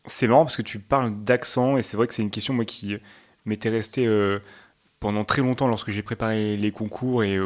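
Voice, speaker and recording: A man hosting a podcast interview, asking questions in a measured, reflective way. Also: fairly low pitch. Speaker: podcast host. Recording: faint music underneath.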